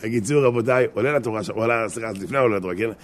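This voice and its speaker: A man, a rabbi, giving a humorous Torah lesson, telling jokes between points of teaching. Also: on the low side. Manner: lively storyteller mixing jokes and teaching. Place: study hall.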